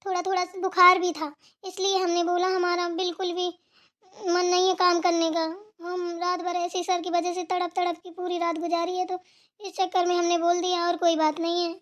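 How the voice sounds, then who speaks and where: A woman's voice: very high voice, completely flat delivery, normal speed, a bit bright. A woman voicing a lazy, spoiled young daughter-in-law who talks in a whiny, defiant way.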